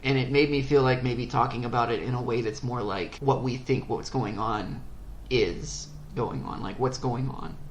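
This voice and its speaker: A woman with a strikingly low voice chats loosely and swears freely as a podcast co-host. The room sounds roomy, with a faint hiss underneath. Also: steady tone, normal speed. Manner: loose and profane, laughs easily. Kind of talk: casual chat.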